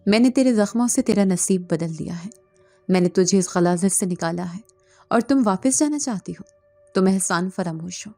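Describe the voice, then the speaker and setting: A woman's voice: mid-range voice, warm tone, soft background music, lightly acted. A woman voicing a cold, possessive male jinn who speaks with icy mockery in a storybook horror tale. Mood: angry. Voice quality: cold, mocking.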